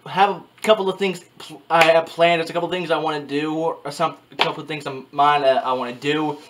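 A man's voice: a little high, steady tone, quick pace, a bit bright, slight background noise. A man in his early twenties rambling casually to his webcam in a small bedroom, with frequent restarts and repeated filler phrases. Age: early 20s. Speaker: vlogger. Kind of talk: casual talking-head vlog.

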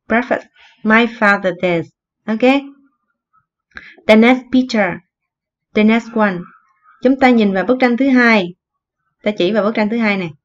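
Woman teacher going over english words, says each phrase slow, kinda muffled recording. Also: mid-range voice. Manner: explains in Vietnamese, repeats English phrases slowly. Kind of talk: recorded online lesson explaining vocabulary.

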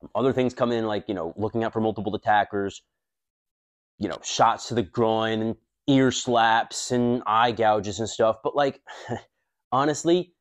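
A man in his thirties hosting a self-defense channel, talking casually and bluntly to camera with lots of fillers and swearing, recorded on a lapel mic in a high-rise room. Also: fairly even intonation, measured pace.

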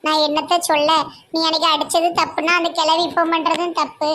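A woman's voice: very high voice, level tone, fairly quick, sharp tone. A woman voicing a blunt, scolding young village woman in a cartoon, with a Tirunelveli Tamil accent. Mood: aggrieved.

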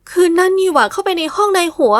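A woman voicing a tearful eighteen-year-old housemaid girl who pleads in a high, whiny voice. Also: big pitch swings, quick pace, no echo, studio quality. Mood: pleading upset.

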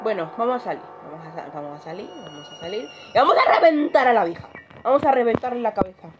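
A woman's voice: medium pitch, lively intonation, fast. A woman casually commentating a horror game, swearing a lot, muttering under her breath and screaming when startled. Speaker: gamer streamer.

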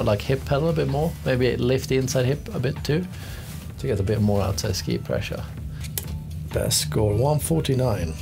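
Gravelly and mid-range, the voice belongs to a young man teaching skiing to camera in a casual way. The setting is outdoors on a mountain, with background music.

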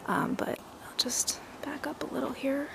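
A woman giving a casual walking tour of her backyard garden, relaxed and admiring, thinking aloud with some fillers. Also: sits high, normal speed, vocal fry, whispered.

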